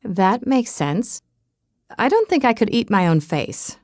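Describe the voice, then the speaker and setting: A woman voicing a dry, matter-of-fact young woman in an audiobook, speaking slowly and plainly. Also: on the high side, sing-song, a little mellow, no room sound.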